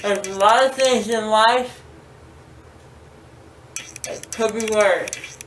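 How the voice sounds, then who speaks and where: Groggy and loopy after dental surgery, this woman rambles casually to camera while giving a makeup tutorial, her mouth still numb and sore from the anesthesia. Her mid-range voice is a bit bright and she takes her time. The recording sounds roomy, picked up by a distant mic with faint noise.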